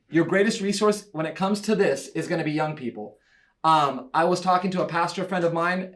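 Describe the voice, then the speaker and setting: Man, somewhat high voice, enthusiastic church conference speaker, chatty asides. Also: a bit bright. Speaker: church media leader speaking at a conference breakout. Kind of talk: animated conference talk. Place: church breakout session room.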